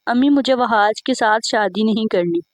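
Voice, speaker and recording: A woman's voice: a little high, moderate pace, no room sound, lightly acted. A woman voicing a stubborn, lovesick young woman who answers back sharply. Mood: pleading. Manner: sharp, defiant retorts.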